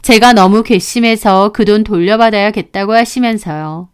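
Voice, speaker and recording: Clear-voiced indignant woman narrator. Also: mid-range voice, normal speed. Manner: indignant, aggrieved. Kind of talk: storytelling narration.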